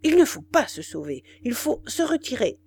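A woman's voice: a little high, big pitch swings, normal speed, darkish tone, a little hiss or hum, voice pushed up. A woman reading the lines of a cold, imperious old aristocratic commander in curt, commanding tones for an audiobook. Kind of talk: audiobook character voice.

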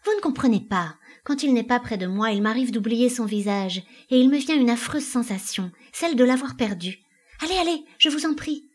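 A woman's voice: a little high, moderate pace, few pauses, natural voice. A woman voicing an anguished married woman in a dramatic play reading, pleading with panicked outbursts. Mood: anxious.

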